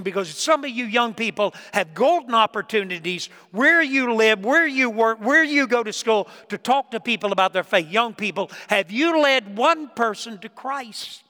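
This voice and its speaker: Guy preaching in church, high bright voice, goes loud then real quiet, tells stories. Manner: emphatic storytelling, swings between loud emphasis and hushed lines. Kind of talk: sermon. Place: church sanctuary. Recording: reverberant church hall.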